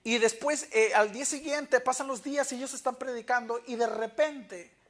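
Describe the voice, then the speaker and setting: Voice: medium pitch, normal speed. Pastor preaching. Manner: storytelling, acting out quoted dialogue. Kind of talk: sermon. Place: church.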